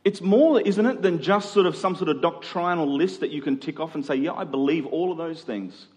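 Slightly high and a little mellow, this middle-aged preacher's voice moves briskly as he explains his points conversationally, firing rhetorical questions and repeating himself for emphasis. The sound carries a long hall reverb.

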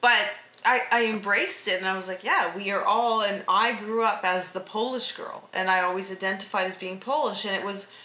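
A woman's voice: medium pitch, moderate pace, hardly any pauses, bright, forceful tone. A woman, reflecting thoughtfully as a podcast co-host. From small town in Alberta, Canada. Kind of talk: casual chat. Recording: roomy echo.

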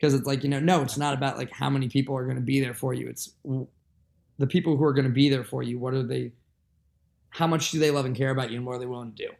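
Earnest young guest musician, gravelly fry, rambling with lots of fillers. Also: male voice, mid-range voice, fairly even intonation, fast, darkish tone. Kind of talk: candid podcast conversation.

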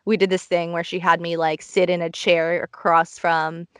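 Lowish-voiced candid woman podcasting from inside a closet. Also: level tone, normal speed, clear, resonant tone, dry recording, studio quality. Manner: candid, introspective, rambling oversharer. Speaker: podcast host. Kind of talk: casual confessional podcast chat. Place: recorded inside a small cluttered closet, dry close sound.

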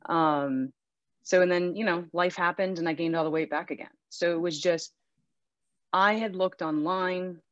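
Low-voiced woman in her forties, chatty. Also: no room sound. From Western Pennsylvania. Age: 40s. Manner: chatty, self-deprecating storyteller. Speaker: guest. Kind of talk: casual interview. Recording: muffled, dull sound.

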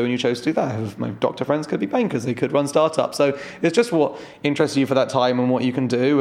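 A man's voice: mid-range voice, a little mellow. Startup founder, male, 30s, frank and loose, casual swearing. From London. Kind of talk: casual interview chat.

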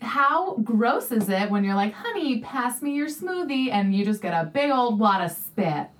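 A woman playing a perky inventor pitching products. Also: very animated, moderate pace, far from the mic. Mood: upbeat. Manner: bright sales-pitch delivery. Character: perky female inventor, young adult businesswoman. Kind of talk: improv comedy podcast. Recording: voice a bit off-mic.

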